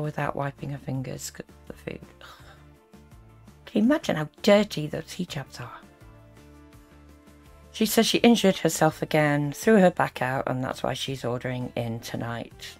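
A woman's voice: deep voice, moderate pace, soft background music. A woman giving critical reaction commentary as host, disapproving and full of sarcastic asides.

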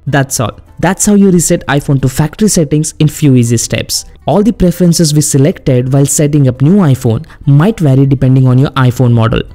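A man hosting a step-by-step phone tutorial as a voice-over, giving plain, brisk instructions. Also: mid-range voice, mellow, faint music behind. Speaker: tech tutorial host.

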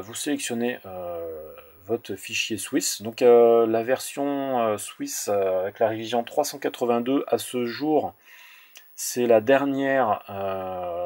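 A young man talks viewers through a console hacking tutorial over a screen recording. His pitch sits in the middle range for a man. He hesitates often, with frequent fillers, restarts and repeated connecting words. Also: a little mellow. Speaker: tutorial host.

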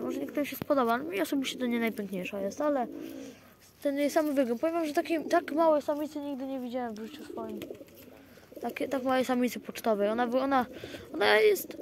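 A man keeping pigeons, talking casually to his viewers outdoors by the loft in a rambling way with many fillers and restarts. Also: very high-pitched. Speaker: pigeon keeper. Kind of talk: casual vlog narration to viewers. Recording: outdoor noise with cooing pigeons. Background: pigeons cooing.

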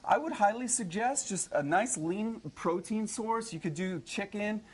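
A man in his thirties, a strength and conditioning coach, explaining workouts and nutrition as a guest on live TV, energetic and motivating, speaking on a lapel mic. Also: high voice, a little slow, breathy edge. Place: TV studio set and kitchen.

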